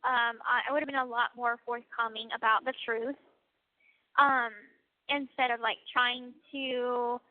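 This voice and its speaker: A woman speaking over a wall-mounted payphone line, hesitant and talking casually in an interview. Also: fairly high pitch. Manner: hesitant, many fillers and restarts. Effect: calling over a wall-mounted payphone. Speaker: interviewee calling from prison. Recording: tinny phone-line sound.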